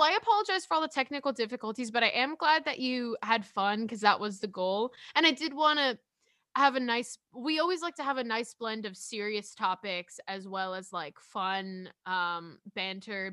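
A woman co-hosting a casual podcast, chatty and animated, rambling through opinions with lots of filler and restarts. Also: fairly high pitch, normal speed, dry recording, studio quality. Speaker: podcast co-host.

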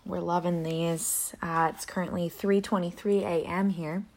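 A sleepy woman reading her own short story aloud in a soft, unhurried way. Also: lowish voice, fairly even intonation, slight background noise.

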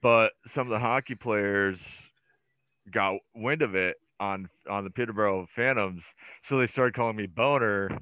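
A man's voice: on the low side, moderate pace, pushed and bright, clear, resonant tone, dry recording. A man chatting as a podcast guest, rambling through stories with lots of fillers and restarts. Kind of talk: casual chat.

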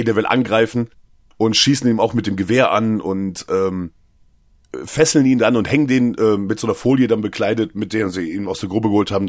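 A man's voice: medium pitch, breathy edge, dry recording, clean studio sound. A man co-hosting a podcast, casually retelling a film's plot and briefly acting out the characters' lines amid filler words. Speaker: podcast co-host. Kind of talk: casual film recap.

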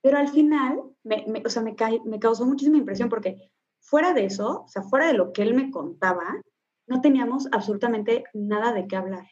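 A woman's voice: on the high side, fairly quick, darkish tone, highs cut off. A woman with a Mexican accent, chatting casually and telling a dating story full of slang. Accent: Mexican Spanish. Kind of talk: casual chat.

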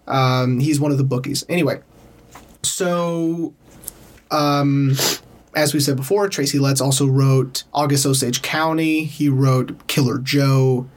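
A man's voice: mid-range voice, fairly even intonation, unhurried. A man co-hosting a casual film podcast, talking in an easygoing, conversational way with loose, hesitant phrasing. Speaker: podcast co-host.

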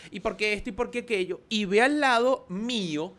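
Bright high Venezuelan man storytelling. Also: normal speed. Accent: Venezuelan Spanish. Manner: animated storyteller, laughs often. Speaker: podcast co-host. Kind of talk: casual chat.

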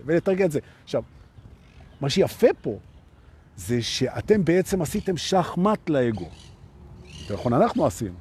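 Husky, animated man coaching listeners. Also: on the high side. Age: adult with a son. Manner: animated, repeats phrases, addresses listeners directly. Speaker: coach leading a live online session. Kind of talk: motivational self-help talk.

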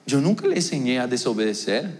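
A young adult man preaching a sermon as a pastor, telling a personal story earnestly, swinging between raised emphasis and quiet reflection. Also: mid-range voice, big pitch swings, fast, big-room sound.

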